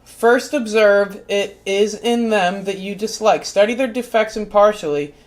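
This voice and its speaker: A performer gives voice to a short-tempered, foul-mouthed cat reading a spiritual book aloud, swinging from calm, measured reading into yelled, swearing rants. The voice is mid-range and lightly acted.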